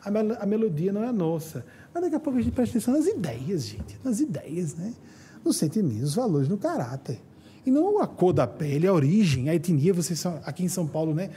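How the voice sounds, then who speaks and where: A middle-aged man from Northeast Brazil with a Northeastern Brazilian accent, giving a lively lecture to a live audience, acting out voices and asking the audience questions. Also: high voice, fast, a little hiss or hum. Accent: Northeastern Brazilian Portuguese.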